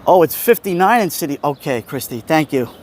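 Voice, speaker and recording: A man's voice: a little high, lively intonation, fairly quick. A middle-aged man with an Italian-American Brooklyn accent, chatting casually to viewers as he livestreams a walk outdoors. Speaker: livestream host. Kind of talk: casual walking livestream chat, replying to viewers. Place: outdoors walking on a city street. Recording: outdoor street noise. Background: street ambience, passing vehicles.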